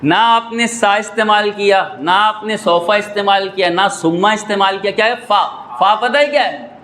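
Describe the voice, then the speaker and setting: A man delivers a fervent religious sermon in a mosque hall, his voice pitched high as he builds rhetorical arguments and climbs to shouts. He speaks into a microphone, with a faint noise underneath. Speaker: cleric giving a mourning sermon. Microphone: stand microphone.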